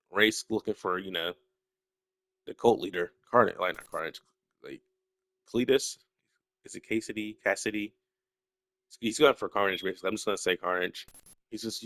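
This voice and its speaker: A young man who stutters rambles casually and at length as a solo video creator, his talk full of fillers and restarts. His voice sits low and sounds pushed and bright, with no room sound on the recording.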